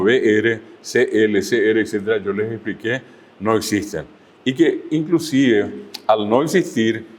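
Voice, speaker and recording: A man giving an online language lecture, slowing down to spell out syllables as he explains. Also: on the low side, darkish tone. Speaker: language teacher.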